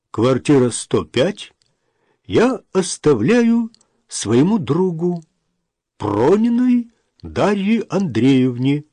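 A man performs a stern, pompous older notary reading a will for an audiobook. The reading is slow and solemn, pitched a little high and spoken loudly. The sound is dry and close. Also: no room sound, heavily acted.

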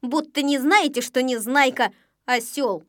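A woman's voice: sits high, unhurried, dry recording, studio quality. A woman reading a storybook aloud, voicing a clever, know-it-all little boy who reasons and lectures. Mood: reproachful.

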